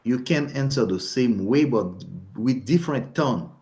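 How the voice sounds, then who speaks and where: A man's voice: medium pitch, animated, measured pace, darkish tone. A male student answering in class, tentative and searching for words.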